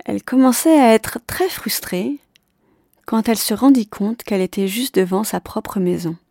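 A woman reads a children's storybook aloud at a steady, clear pace. Her voice is mellow and dark in tone. The recording is dry and close, with no room sound. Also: mid-range voice, normal speed, dry recording. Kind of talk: scripted storybook narration.

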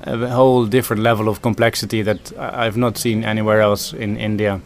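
Man with a thoughtful, halting manner. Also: lowish voice, flat delivery. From Netherlands. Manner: thoughtful, many ums and restarts. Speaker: food system consultant. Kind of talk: interview answers.

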